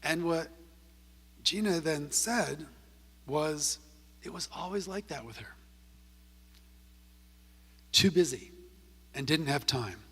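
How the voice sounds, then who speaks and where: Male speaker, counselor type, slightly high and bright with a husky edge; storytelling delivery full of "right?" tags. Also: animated, takes it slowly, long pauses. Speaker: counselor giving a talk. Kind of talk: conversational talk to a group. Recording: long reverb of a church hall.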